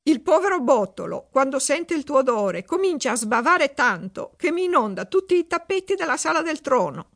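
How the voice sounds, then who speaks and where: A woman's voice: high-pitched, sing-song, normal speed, hardly any pauses, a bit bright, pitched above the performer's own voice, exaggerated voice. A woman voicing a haughty, spoiled seven-year-old princess who scolds in indignant outbursts.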